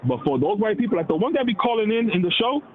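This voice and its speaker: A fast-talking man of Dominican background with a high, sing-song voice discusses politics casually and animatedly in slang. He often puts on voices for the people he quotes, and the sound is tinny and phone-like, with noise.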